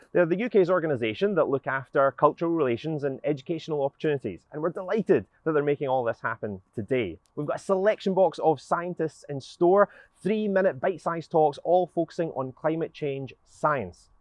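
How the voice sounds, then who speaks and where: A man's voice: on the high side, animated, fairly quick, no echo. A Scottish man from Glasgow hosting an international science communication competition, with an upbeat, welcoming, scripted delivery. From Scotland. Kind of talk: scripted presenting to camera.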